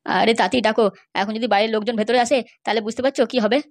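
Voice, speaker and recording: A woman's voice: fairly high pitch, fairly even intonation, very fast, no echo, clean studio sound, voice pushed down, lightly acted. A woman voicing an angry older man, a bride's father who blusters and threatens in a cartoon.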